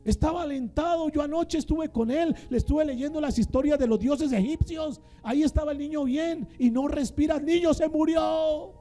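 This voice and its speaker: A woman's voice: high-pitched, normal speed, few pauses, dark tone, voice pushed up, natural voice. A male preacher voicing a panicked young mother who finds her child dead in the night, crying out in pleading bursts inside his sermon. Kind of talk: acted scene within a sermon.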